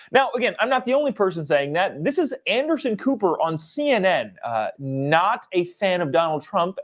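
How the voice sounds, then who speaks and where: A young man hosting a live political talk stream, giving casual commentary and reading viewer comments aloud in an animated way. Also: on the high side. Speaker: livestream host.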